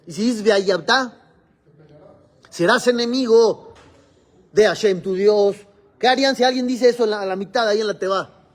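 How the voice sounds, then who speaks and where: Rabbi guy giving a class, high voice for a man, keeps asking the students questions as he explains. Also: moderate pace, pauses often. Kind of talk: religious class lecture.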